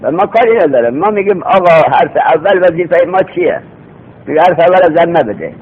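A man's voice: lively intonation, husky. A man teaching a seminary grammar lesson, explaining patiently and repeating himself, asking rhetorical questions. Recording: tinny phone-like recording with faint rumble.

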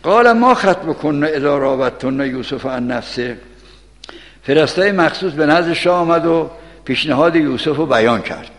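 A creaky mid-range male voice carries this laid-back Quran exegesis sermon from a teacher. Switching between recited Arabic verses and everyday street Persian, he quizzes the audience and supplies the answers himself, all within a long, echoey hall reverb.

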